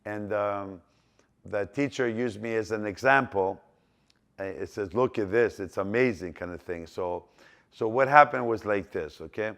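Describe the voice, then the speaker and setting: A man's voice: fairly low pitch, unhurried, creaky, fairly bright tone. A man in his sixties from Greece, speaking with a Greek accent, tells a rambling personal story full of fillers and restarts. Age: 60s. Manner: rambling, repeats himself, many fillers and restarts. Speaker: business owner telling his life story.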